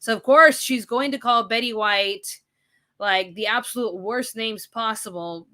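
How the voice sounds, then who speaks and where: Bright-voiced woman ranting on a stream. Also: a little high, a little slow. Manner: animated, ranting, bursts of exasperated emphasis. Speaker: host of a live chat and Q&A stream. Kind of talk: casual live-stream chat, reading viewer questions.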